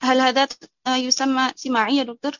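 A woman student asking her grammar teacher questions, hesitant and pausing often. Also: high-pitched, flat delivery, a bit bright, no echo, lo-fi sound. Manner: hesitant, with many fillers.

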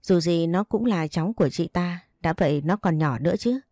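A woman narrates a first-person story in a steady, plain reading voice. Her tone is low and mellow, and the recording is close and dry with no room sound. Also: a little fast, no room sound.

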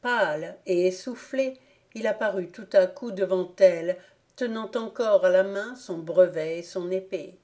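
A woman narrating a classic novel as an audiobook, calm and measured. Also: fairly low pitch.

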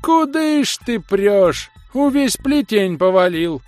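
A shrill wheedling old village farmer. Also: male voice, sing-song, takes it slowly, a little mellow, no echo, faint music behind, exaggerated voice. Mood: wailing, wheedling. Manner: folksy rural dialect, wailing.

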